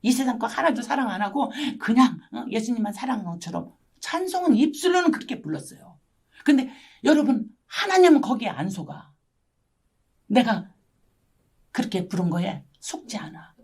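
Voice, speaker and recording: A woman's voice: on the high side, very animated, moderate pace, a little mellow, husky. An older woman missionary giving a testimony sermon, telling her story dramatically and often asking her listeners for agreement. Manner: dramatic storytelling, constant tag questions to listeners. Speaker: missionary preacher. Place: church online gathering.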